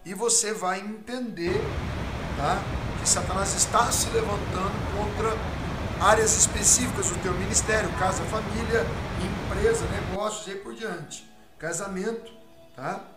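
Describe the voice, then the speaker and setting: High-voiced Brazilian preacher, echoey. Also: male voice, unhurried. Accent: Brazilian Portuguese. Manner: exhortative, keeps asking "amém?" and "tá?" of listeners. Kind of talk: recorded spiritual warfare teaching. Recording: echoey room with music behind.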